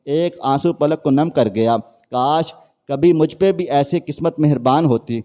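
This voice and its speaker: A man's voice: on the high side, dark tone. A man reading out a woman's sad first-person story as scripted narration.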